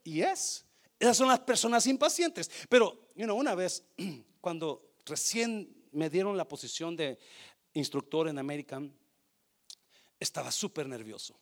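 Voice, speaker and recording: High, gravelly-voiced preaching man. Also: a little slow. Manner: mixes English phrases into Spanish; animated, swings between loud exhortation and quiet asides. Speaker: pastor. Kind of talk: sermon.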